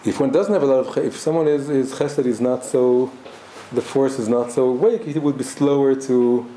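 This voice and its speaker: A native Hebrew speaker teaches a reflective spoken class in a mid-range, steady-toned voice that is very dark and mellow. He speaks haltingly and restarts many times as he thinks aloud; the room is noticeably echoey, with a faint hum of background noise.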